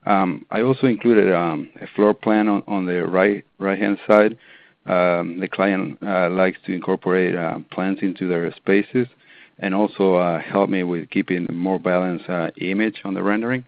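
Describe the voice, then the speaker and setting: Deep-voiced man from Argentina, hesitant. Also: fairly even intonation, normal speed, creaky, no echo. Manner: hesitant, with many ums and restarts. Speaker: interior designer guest. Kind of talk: casual interview answers. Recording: tinny phone-line audio.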